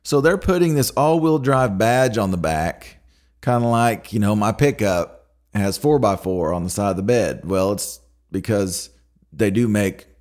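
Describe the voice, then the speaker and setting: A man's voice: fairly low pitch, lively intonation, measured pace, darkish tone. A middle-aged man hosting a podcast alone, talking casually in a rambling way with lots of fillers and restarts. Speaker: podcast host. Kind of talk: casual solo podcast monologue.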